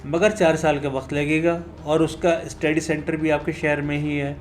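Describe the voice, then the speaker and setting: A man's voice: fairly high pitch, little pitch movement, normal speed, soft background music, lightly acted. A man voicing a kind, helpful traveling doctor. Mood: friendly advice. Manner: friendly, advising.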